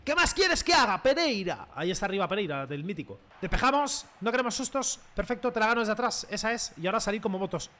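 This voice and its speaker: A young man commentating his own football video game play in a casual, slangy way, shouting when he scores. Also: high voice, fast talker, hardly any pauses. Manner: excitable, slangy, shouts at goals. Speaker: gaming youtuber. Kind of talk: live gameplay commentary.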